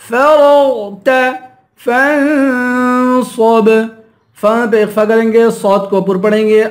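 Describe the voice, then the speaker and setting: A man teaching recitation, chanting verses slowly and melodically, then explaining each rule quickly in a lower voice. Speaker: Quran teacher.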